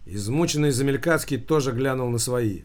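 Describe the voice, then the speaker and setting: A man narrating a story in an even, storytelling manner. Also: medium pitch, normal speed. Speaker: audiobook narrator. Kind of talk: scripted narration.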